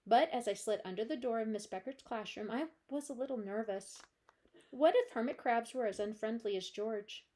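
A woman librarian reading a children's chapter book aloud with gentle, steady storytelling. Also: fairly high pitch, normal speed.

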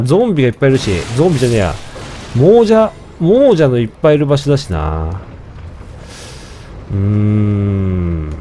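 A man's voice: mid-range voice, slight background noise. Chatty man narrating his gameplay. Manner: chatty, talks to himself while playing, sudden excited outbursts. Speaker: gameplay commentator. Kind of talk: casual let's-play commentary.

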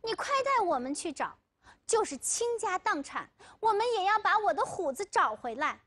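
女主讲人演的悲痛焦急的老年父母. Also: female voice, extremely high pitch, very animated, moderate pace, a bit bright, pitched above the performer's own voice, full character voice. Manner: tearful, pleading and scolding. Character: grieving elderly village parents, desperate and angry.

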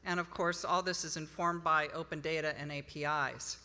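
A middle-aged woman, an institute director, gives an informal conference presentation from a podium microphone on stage in a large hotel ballroom. Her voice is low, steady, and sharp at a normal speed, and the sound carries the reverberant hall PA.

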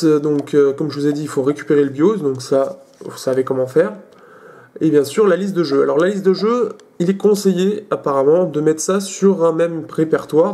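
A man's voice: fairly high pitch, dark tone. Hesitant young French man demoing tech. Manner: hesitant, many fillers and restarts. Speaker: tech video host. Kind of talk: casual screen demo.

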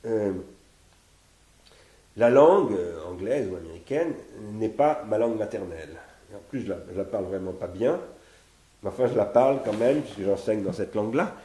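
An animated French speaker in his sixties, with a lowish, dark voice and moderate pace, delivers a philosophy seminar indoors in his living room, partly from notes. His reasoning is exploratory, full of restarts and repeated words. The sound comes from a fixed camera at medium distance in an echoey room.

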